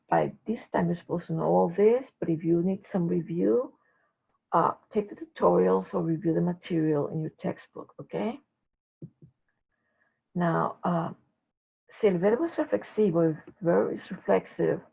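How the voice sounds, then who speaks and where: A woman teaching a language class in a recorded lecture, explaining slowly with frequent filler pauses. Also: fairly low pitch, vocal fry, breathy edge. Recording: tinny phone-like lo-fi audio.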